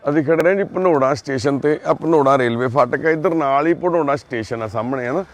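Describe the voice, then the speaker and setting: A man with a Punjabi accent giving an earnest on-the-spot field report outdoors at a railway station at night, speaking gently and coaxingly. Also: mid-range voice, a little fast.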